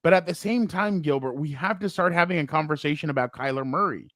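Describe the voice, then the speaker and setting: A man's voice: a little high, a bit bright, no echo, clean studio sound. A man co-hosting a casual sports podcast, rambling and correcting himself as he recaps a game. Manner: rambling, self-correcting, quick laughs. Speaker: podcast co-host.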